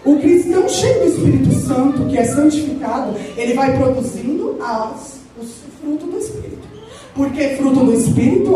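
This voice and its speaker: Middle-aged lady pastor preaching, high voice, big echoey hall, sounds far off. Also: a little hiss or hum. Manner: lively, joking, acts out little voices. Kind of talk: conversational sermon. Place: large church hall at the altar.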